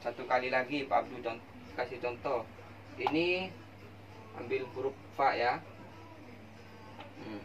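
A man teaches young children to read, patiently drilling syllable after syllable at an unhurried pace. He stands some distance from the microphone in a classroom, and a steady noise sits clearly behind his voice. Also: medium pitch. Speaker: primary school teacher. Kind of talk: children's reading lesson. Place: classroom at a whiteboard.

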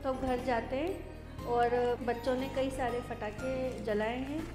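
A woman from India narrates a travel vlog over music in a fairly high, steady voice at a measured pace. Chatty and easygoing, she films a walk through a rural village outdoors, and later speaks from a car at night.

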